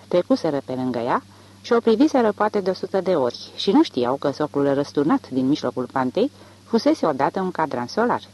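An audiobook narrator reads literary fiction in a measured, even-paced delivery. The pitch sits mid-range but swings widely from phrase to phrase, which gives the telling a lively lilt. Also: poor audio.

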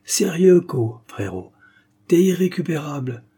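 A man voicing a loud, joking young man who talks in street slang. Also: mid-range voice, normal speed, slightly rough, voice pushed up, lightly acted. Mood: teasing.

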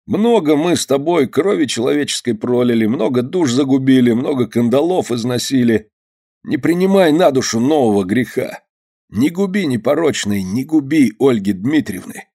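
A man reading a story aloud and voicing a fierce, impassioned outlaw in a raised, forceful voice. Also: medium pitch, expressive, moderate pace, voice pushed up. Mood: earnest. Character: fierce male outlaw, loyal but defiant.

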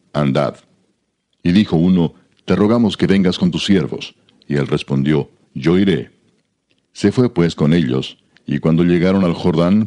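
A man reads scripture aloud with a deep, mellow voice. His delivery is measured and even. He keeps a steady reading tone throughout. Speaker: Bible reader.

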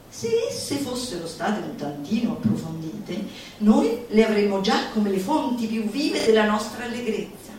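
With slight background noise, a mid-range female voice delivers a theatrical, scornful reading of a satirical manifesto, elongating words for emphasis as an actress performing a literary monologue. The room is very echoey and she sounds distant, with music in the background.

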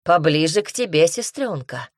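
A woman's voice: deep voice, sing-song, normal speed, no room sound, studio quality. Woman voicing a smirking young male rebel. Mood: mocking. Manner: mocking, smirking.

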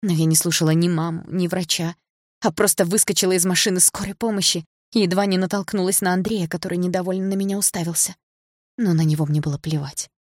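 A woman with a low, husky voice narrating a first-person audiobook with intensity. The sound is dry and close. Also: steady tone, fast, darkish tone, dry recording. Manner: intense, emotional storytelling.

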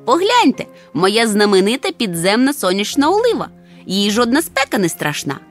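A woman's voice: medium pitch, wildly swooping pitch, moderate pace, faint music behind. A woman voicing a confident young male wanderer in an audiobook, sounding boastful and reassuring.

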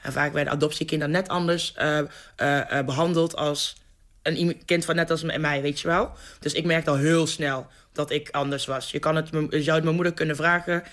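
A young woman, telling a personal story in a radio interview with vivid, animated delivery and frequent restarts. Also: low-pitched, a little fast. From Netherlands, North Brabant. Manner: lively, vivid storyteller who restarts sentences and acts out scenes.

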